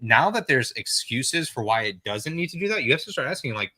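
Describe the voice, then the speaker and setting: Bright-voiced man arguing a point. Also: medium pitch, big pitch swings. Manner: fast, filler-heavy arguing, lots of "like". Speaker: podcast guest. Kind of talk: casual podcast chat.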